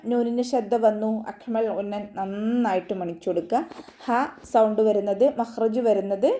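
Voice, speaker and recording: A woman's voice: medium pitch, fairly even intonation, normal speed, dark tone. A woman teaching Quran recitation in an online lesson, explaining pronunciation patiently, step by step. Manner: patient, step-by-step instruction with frequent tag questions.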